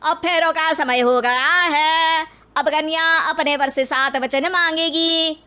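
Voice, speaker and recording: A woman's voice: high-pitched, fairly even intonation, pushed and bright, exaggerated voice. A woman voicing a ceremonious, cheerful wedding priest in a cartoon story. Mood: solemn. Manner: deliberate, ceremonious.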